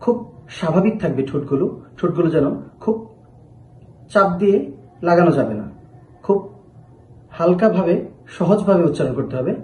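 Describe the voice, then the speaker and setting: A man's voice: high-pitched, expressive, brisk, pauses often, darkish tone, echoey room, slight background noise, rough recording. A man giving a patient pronunciation lesson, drawing out each letter sound as he demonstrates it. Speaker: Arabic letter teacher.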